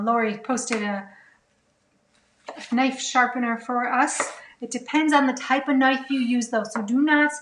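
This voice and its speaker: A woman's voice: on the high side, sharp tone, reverberant, a little hiss or hum, poor audio. A woman hosting a live cooking class Q&A, chatting with many fillers and reading viewer comments aloud while she chops in her kitchen. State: a little out of breath. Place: home kitchen.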